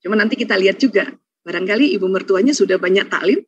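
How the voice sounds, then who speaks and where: A woman giving a lively religious talk, acting out little scenes and laughing often. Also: medium pitch, fast, breathy edge, no room sound. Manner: lively, acts out quoted voices, laughs often. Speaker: speaker at an Islamic study program. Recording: dull, dry lo-fi sound.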